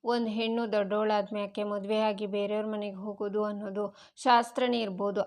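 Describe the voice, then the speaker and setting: A woman's voice: mid-range voice, lightly acted. Woman reading as a rustic village brother. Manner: rustic dialect, warm and joking. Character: rough-spoken village older brother, tearful and teasing.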